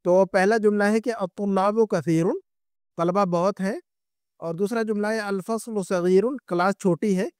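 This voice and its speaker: A man teaches an Arabic lesson online. His voice sits high and sounds smooth and clear, recorded dry and close. He goes patiently, repeating each point and checking in with his students. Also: fairly even intonation, a little mellow, dry recording. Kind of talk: online class lecture.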